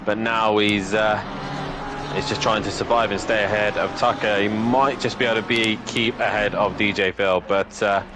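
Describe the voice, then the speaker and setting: A man's voice: fairly low pitch, fairly even intonation, normal speed, noisy background. A man giving live motorsport commentary and race analysis as a co-commentator.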